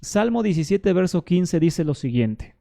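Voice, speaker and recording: A man's voice: high voice, very animated, unhurried, vocal fry, dark tone. A man presenting a Bible history lesson straight to the viewer, emphatic, arguing with the objections he imagines the listener raising. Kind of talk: direct-to-camera teaching monologue.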